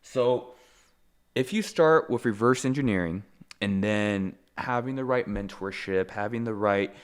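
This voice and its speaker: Young male podcast host, lowish voice, energetic and emphatic, throws in self-deprecating jokes while talking solo. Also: unhurried. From Taiwan. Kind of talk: solo motivational podcast monologue.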